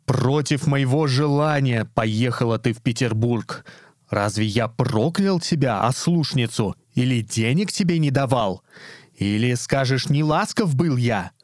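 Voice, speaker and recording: A man's voice: medium pitch, animated, a little slow, dry recording, lightly acted. A man voicing a stern elderly priest pleading with his daughter, in a dry, firm voice. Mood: reproachful. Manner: pleading, then bitterly ironic. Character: stern elderly male village priest, a father.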